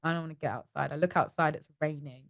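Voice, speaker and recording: A young woman with a London accent talks through her days in a relaxed interview, acting out her own thoughts as she goes. Her voice sits a little low for a woman and is recorded close and dry. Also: quick pace, creaky, no echo. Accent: London English. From East London, England. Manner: chatty, animated storytelling with acted-out inner voices. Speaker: startup co-founder, guest. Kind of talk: casual interview chat.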